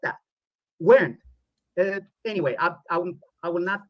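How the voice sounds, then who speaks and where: High-voiced man, formal. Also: dry recording, lo-fi sound. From Romania. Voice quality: formal, deliberate phrasing. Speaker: podcast guest. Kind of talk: podcast interview played back.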